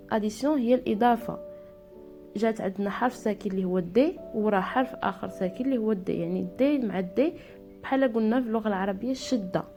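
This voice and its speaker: A woman with a Moroccan Arabic accent giving a patient language lesson, repeating each word slowly. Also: a little high, mellow. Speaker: French teacher.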